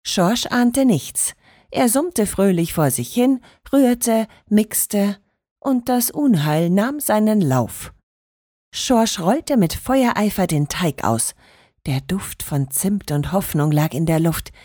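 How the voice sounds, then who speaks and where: A woman narrating a children's story in an expressive, lively storytelling manner. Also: medium pitch, slow pace, no room sound, studio quality.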